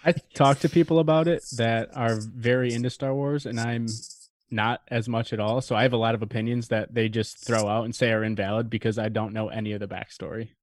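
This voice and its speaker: A man's voice: medium pitch, level tone, fairly quick, no room sound, studio quality. A man co-hosting a podcast, telling stories in a chatty way and acting out quotes. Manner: upbeat storyteller, acts out quotes. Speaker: podcast co-host. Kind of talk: casual podcast chat.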